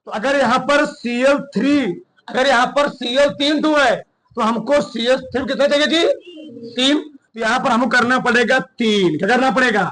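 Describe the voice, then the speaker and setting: A male chemistry teacher, speaking in a strikingly high, bright and forceful voice. He keeps throwing questions at his class and answering them himself, then dictates notes word by word with repeats. His tone is a brisk classroom lecture. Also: steady tone, a little hiss or hum, rough recording. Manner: drills students with call-and-response questions.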